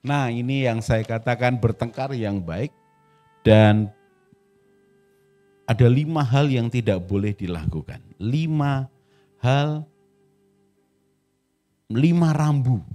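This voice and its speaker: A man giving a family teaching talk, slow and emphatic, repeating his key phrases. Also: mid-range voice, animated, warm tone, faint music behind.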